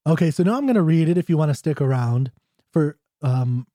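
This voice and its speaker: A man's voice: fairly high pitch, animated, brisk, mellow, no room sound, studio quality. A man talking casually about an old ballad, then reading it aloud in a mock Scottish accent. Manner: chatty, full of "you know" and "right?". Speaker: ballad reader and explainer. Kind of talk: casual explanation and poetry reading.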